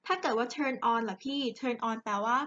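A woman's voice: a little high, normal speed, bright, forceful tone, a little hiss or hum. A young Thai woman teaching an English grammar lesson in a chatty, joking way, addressing her students directly. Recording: dull lo-fi recording.

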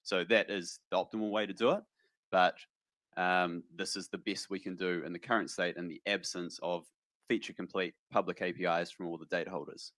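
A man speaking as a panelist on a conference stage, explaining in a measured, precise way into a handheld mic. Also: sits low, steady tone, a bit bright, no room sound. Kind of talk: panel discussion.

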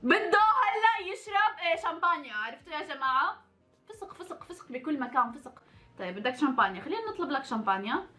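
A young woman with a Levantine Arabic accent rattles off playful commentary in a high, bright voice. She talks fast and teases her viewers. She keeps breaking into mock-angry outbursts, with faint music underneath. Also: big pitch swings. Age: 20s. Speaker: vlogger.

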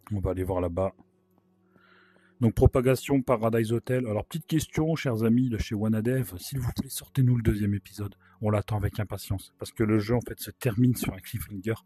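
A man with a sore throat and a worn-out, hoarse voice gives chatty, casual commentary as he plays a video game, with wry asides. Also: on the low side, brisk, warm tone, dry recording, faint music behind. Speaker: gaming video host.

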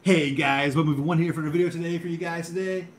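A man's voice: a little high, fairly even intonation, fast, noisy background, voice pushed up, natural voice. A man voicing a chirpy video host greeting his viewers in a sing-song way.

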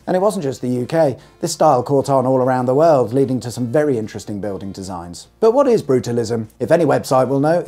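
A British man in his forties talks to camera from a small studio set, sharp and deadpan with sarcastic asides. His voice sits dark and mellow, with a faint husky edge, and a little music plays underneath. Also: mid-range voice. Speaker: host. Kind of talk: scripted narration to camera.

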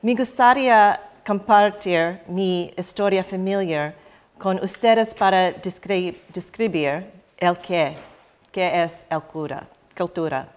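Slow, halting woman, American-accented Spanish. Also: on the low side. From Philippines, emigrated to Chicago in childhood. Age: middle-aged. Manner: halting, stumbling over Spanish words, slipping into English. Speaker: guest speaker. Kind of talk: prepared speech read to an audience. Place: indoor conference hall, panel table. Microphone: table conference microphone.

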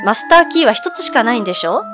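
A composed, refined middle-aged hostess, read by a woman, speaking politely with a gently reproving tone in a fairly high voice. Organ music plays clearly behind her. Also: sing-song, rapid-fire.

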